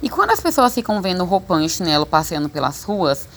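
A woman reading a children's book aloud as an audiobook narrator, expressive and lively. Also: fairly low pitch, quick pace. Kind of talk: storybook reading.

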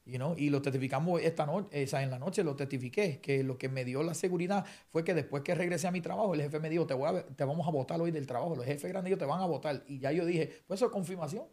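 Young preacher, high-ish voice, rapid animated testimony. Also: male voice. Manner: fast, animated storytelling, acts out dialogue. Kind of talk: conversational testimony.

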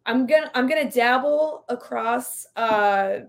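A woman's voice: on the high side, measured pace. A woman co-hosting a casual sports betting podcast, upbeat and chatty, laughing often. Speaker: podcast co-host.

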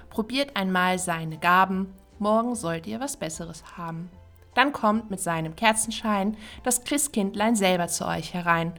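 A woman podcast host reciting a classic Christmas poem in a measured, rhythmic way. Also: medium pitch, a bit bright.

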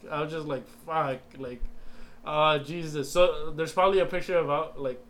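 A man's voice: fairly high pitch, moderate pace, over a noisy crowd. A young man co-hosting a casual podcast, telling rambling, laugh-filled stories full of "like" and "right?". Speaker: podcast co-host. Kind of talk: casual storytelling chat.

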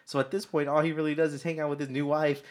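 A man's voice: on the high side, fast. Joking podcast guy, casual chat. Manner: joking, animated storyteller. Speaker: podcast co-host.

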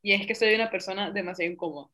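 A woman's voice: medium pitch, very fast, sharp tone. A woman with a Venezuelan accent chatting casually as a podcast co-host, giggly and jumping between topics. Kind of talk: casual chat.

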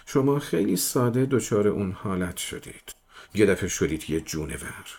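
A man's voice: lowish voice, big pitch swings, darkish tone. A man reading a coaxing police detective. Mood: persuasive. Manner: smooth, persuasive, patient. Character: shrewd coaxing middle-aged male police detective.

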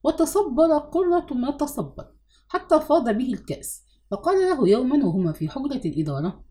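Woman reading a novel, mellow and expressive. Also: high voice. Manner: measured, announces chapter numbers. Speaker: audiobook narrator.

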